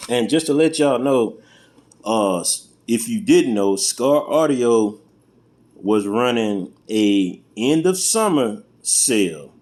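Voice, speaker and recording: This American vlogger, who unboxes and reviews car audio gear, has a medium-pitched, darkish voice with lively intonation and a slow pace. He chats informally and folksily as he handles the product, and the home-video audio is clearly noisy.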